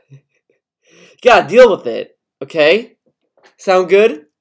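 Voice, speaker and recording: This Connecticut-born YouTuber, speaking with an American accent, rants in a rambling, defensive, profanity-laden vlog commentary. His high voice is sing-song and slow.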